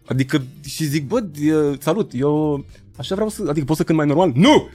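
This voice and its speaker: This warm-toned man in his thirties is a rapper and beatmaker who tells stories in a casual interview, imitating quotes in high voices. Faint music plays in the background.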